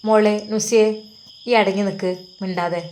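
Lady doing a pushy firm mom, warm voice. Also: mid-range voice, a little fast, slight background noise, lightly acted. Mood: stern. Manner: coaxing then firm, louder. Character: insistent middle-aged mother, firm and coaxing.

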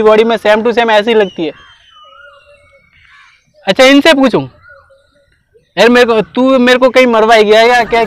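A young man pulling a prank in an outdoor park, cheeky and mock-apologetic as he talks loudly on his phone. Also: very high-pitched. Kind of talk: hidden-camera prank banter.

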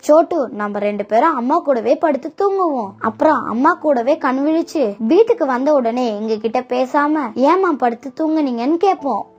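Cartoon sparrow chicks voiced by a woman, high childlike pleading, dull lo-fi sound. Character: small young sparrow chicks, innocent and anxious. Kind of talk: cartoon voice acting. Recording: dull lo-fi with faint music.

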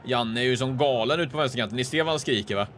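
Lively Swedish gamer man commentating. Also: medium pitch, slight background noise. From Sweden. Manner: shifts between calm play-by-play and excited shouts. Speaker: gaming channel host. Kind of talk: casual let's-play commentary.

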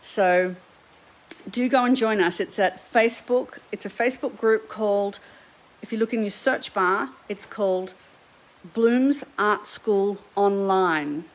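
A woman's voice: medium pitch, moderate pace, rough recording. A middle-aged woman with an Australian accent, an art teacher chatting live to viewers from her home painting studio in an upbeat, chatty way. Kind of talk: live stream chat to viewers.

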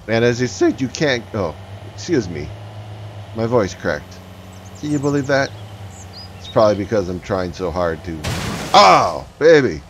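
Excitable man narrating his gameplay. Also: medium pitch. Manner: excitable, talks to viewers while playing. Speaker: gaming channel host. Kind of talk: casual gameplay commentary. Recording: slightly dull, faint background noise.

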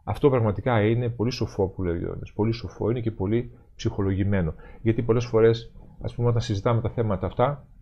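A man's voice: fairly low pitch, dark tone, highs cut off. A middle-aged man, an Orthodox priest, giving an emphatic sermon commentary that mixes readings with rhetorical questions.

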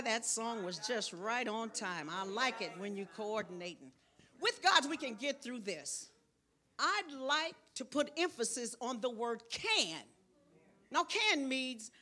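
An older woman preaching as a guest in church, lively with loud bursts of exclamation. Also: fairly high pitch. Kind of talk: sermon. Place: church sanctuary.

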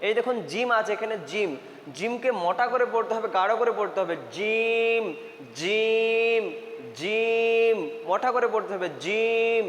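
Brief: male recitation teacher, high voice, drills letter sounds over and over, echoey room, faint ambience. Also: a bit bright, slight background noise. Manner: repeats letter sounds slowly and emphatically. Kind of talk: spoken pronunciation lesson.

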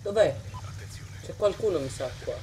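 A gamer narrates a shooter match in real time with a very lively, bouncing pitch. The talk swings from quiet muttering to outraged yelling at opponents, with a faint hiss of noise underneath. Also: normal speed. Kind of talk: gameplay commentary.

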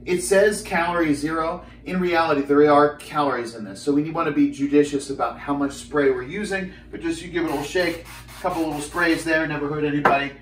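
Fairly quick and a little high in pitch, a fitness cooking host in his thirties keeps things casual, joking, and energetic while cooking in a small home kitchen. He's filmed from a few steps away on a camera mic, sounding distant and slightly off-mic in the echo.

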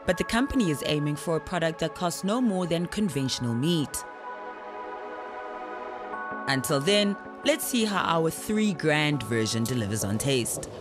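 A woman narrates a news feature in a fairly low voice that rises and falls with wide, animated swings. Her delivery is scripted and playful, with a music bed playing beneath it. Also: unhurried. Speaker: reporter.

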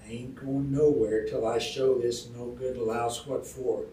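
A man reading aloud while voicing a drunk, quarrelsome cavalry private who taunts loudly in a frontier drawl. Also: mid-range voice, little pitch movement, a little slow, a little hiss or hum, natural voice. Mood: belligerent taunting. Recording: roomy hall, distant mic, faint ambience.

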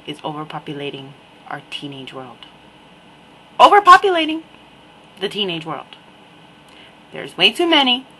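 Wry slow-talking New woman. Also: on the low side, slight background noise, poor audio. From New Jersey. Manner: wry, repetitive, deadpan asides. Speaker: vlogger. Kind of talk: casual webcam monologue.

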